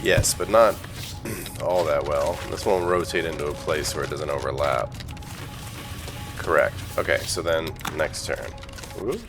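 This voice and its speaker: A man's voice: very deep voice, unhurried, music in the background. A man doing casual gameplay commentary, reading game text aloud with dry, joking asides. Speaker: gaming video host.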